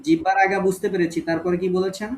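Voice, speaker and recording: Students in an online class are called up individually to recite the Quran while a man with a Bangladeshi Bengali accent patiently fixes their reading. He speaks fast in a high voice with fairly even intonation.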